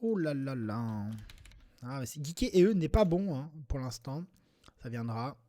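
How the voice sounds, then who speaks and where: A man's voice: mid-range voice, measured pace. Man muttering through his Scrabble moves. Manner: mutters word tries half to himself, with sudden excited outbursts. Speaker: Scrabble player commenting on his game. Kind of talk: thinking aloud while playing.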